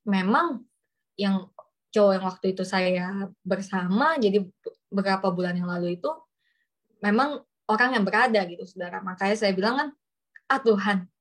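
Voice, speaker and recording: A young woman preacher, giving a testimony sermon in an animated storytelling way and often addressing the congregation. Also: medium pitch, moderate pace, pauses often.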